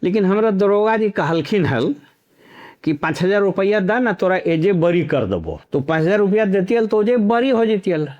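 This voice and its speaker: A man's voice: high voice, animated, moderate pace, a little mellow, dull audio, voice pushed up. Old male village elder with a Magahi accent, put on by a man, raised voice, folksy plain talk. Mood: teasing. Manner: rustic folksy speech.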